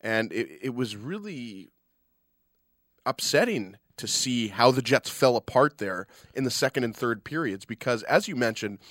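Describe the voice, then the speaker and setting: A man's voice: medium pitch, expressive, unhurried, fairly bright tone, no room sound, studio quality. A man co-hosting sports radio with conversational hockey analysis. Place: radio studio.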